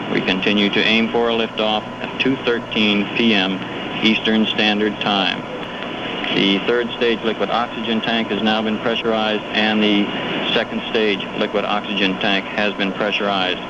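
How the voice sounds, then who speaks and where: A man giving steady live countdown commentary from launch control, heard as a crackly radio transmission. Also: fairly low pitch. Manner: steady, measured announcer delivery. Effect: crackly radio transmission sound. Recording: noisy lo-fi archival radio broadcast.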